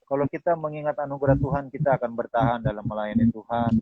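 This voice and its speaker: A man's voice: mid-range voice, fast, no room sound. Pastor preaching to his congregation, muffled and dry. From Manado, Indonesia. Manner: addresses listeners as "Saudara", acts out dialogue. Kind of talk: sermon with testimony and closing prayer. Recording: dull muffled lo-fi sound.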